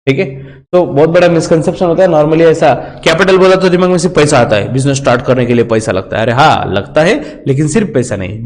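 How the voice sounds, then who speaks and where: A man's voice: a little high, a little mellow. A man with an Indian English accent teaching a commerce lecture, explaining step by step and mixing English terms into Hindi. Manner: explains step by step and checks in with repeated "theek hai". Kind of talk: recorded lecture for students. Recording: long hall reverb.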